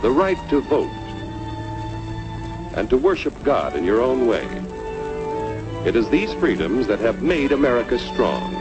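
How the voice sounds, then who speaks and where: A man delivering vintage scripted cartoon narration with declamatory, measured phrasing. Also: medium pitch, sing-song, dull audio. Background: music.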